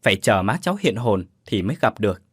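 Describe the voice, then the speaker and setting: A man voicing a sorrowful, calm older woman in a storybook ghost tale, speaking slowly and solemnly. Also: fairly low pitch, slightly rough, no echo, studio quality. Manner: slow, solemn, measured.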